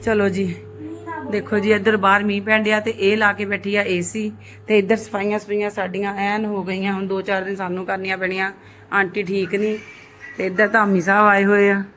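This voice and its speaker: A woman's voice: mid-range voice, level tone, fairly quick, a bit bright, faint music behind. A middle-aged woman chats casually for a home vlog with dramatic, auntie-like exclamations and teasing questions. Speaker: family vlog host. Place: indoors at home. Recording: noisy handheld home vlog recording.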